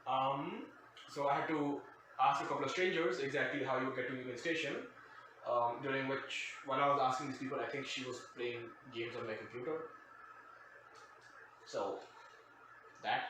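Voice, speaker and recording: With fairly even intonation, a normal speed and long pauses, a man tells a wry, rambling comic anecdote in a mid-range, fairly bright voice. He hosts a storytime show and grew up outside the country where he now lives. A distant mic captures a very echoey room and faint noise.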